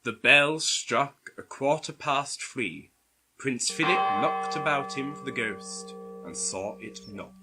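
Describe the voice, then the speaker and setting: A man's voice: mid-range voice, expressive, slow, over loud music. A man narrating a comic parody of a classic story in a playful mock-Victorian manner.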